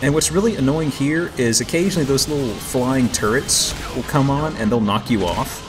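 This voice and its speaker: A man with a mid-range voice hosts a let's play at a normal speed, trading casual, joking commentary as he plays. Video game music runs behind him.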